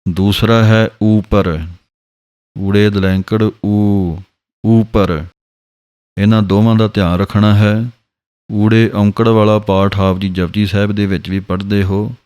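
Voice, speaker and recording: A man with a Punjabi accent, teaching scripture pronunciation in a slow, patient way and spelling out each syllable. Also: on the low side, darkish tone, clear, resonant tone. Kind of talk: slow, careful pronunciation lesson.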